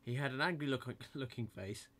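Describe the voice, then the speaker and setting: A man's voice: mid-range voice, normal speed, fairly bright tone. A man narrating a comic bedtime-style story in a playful, mock-innocent storybook manner.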